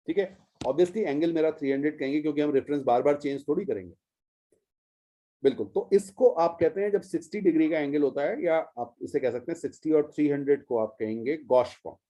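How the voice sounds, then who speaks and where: A patient male teacher from India walks his students through a chemistry lesson one step at a time. His voice sits a little high but has a mellow, warm color. He stretches out the key terms as he writes them down. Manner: patient, step-by-step explaining, addresses students as "beta". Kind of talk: classroom lecture.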